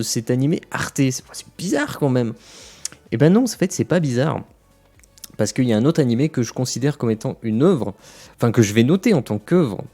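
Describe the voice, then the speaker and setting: A man's voice: medium pitch, warm tone. Chatty guy reviewing anime. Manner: chatty, rambling, many fillers and restarts; addresses viewers directly. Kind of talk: casual spoken review.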